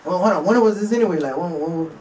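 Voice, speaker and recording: Male DJ host, a touch high, hype-man affirmations, off-mic in a small studio. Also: quick pace, darkish tone, recorded from a distance, a little hiss or hum, low-quality recording. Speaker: radio DJ host. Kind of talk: casual interview chat. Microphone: studio boom mic.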